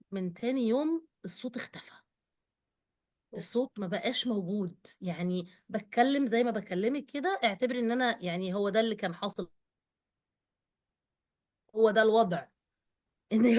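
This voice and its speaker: A middle-aged woman with an Egyptian Arabic accent, sharing a personal story in an animated, conversational way that speaks straight to the listener. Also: medium pitch.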